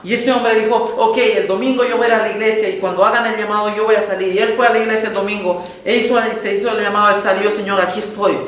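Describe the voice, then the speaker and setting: A man preaching a sermon, telling a story with dramatic swings between loud exclamations and hushed tones. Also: high-pitched, little pitch movement, fast, hardly any pauses, distant mic. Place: large echoey church hall. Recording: very echoey hall, faint noise.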